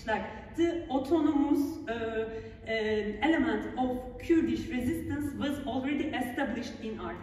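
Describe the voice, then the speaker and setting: A woman with a Turkish accent giving a public lecture in an art gallery, speaking earnestly with many filler sounds and halting phrases. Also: fairly high pitch, darkish tone, slight background noise. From Turkey. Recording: echoey gallery hall from far off.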